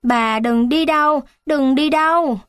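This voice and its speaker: A woman's voice: high-pitched, a little slow, a bit bright, no echo, clean studio sound, pitched above the performer's own voice. A woman voicing a frightened young child who pleads with their grandmother. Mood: pleading. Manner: pleading, tearful-sounding.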